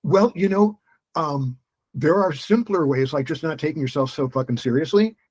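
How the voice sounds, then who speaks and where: Husky man hosting a casual chat. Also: on the high side, moderate pace, a little mellow. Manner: stammering restarts, casual swearing, self-mocking. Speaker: podcast host. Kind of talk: casual conversation.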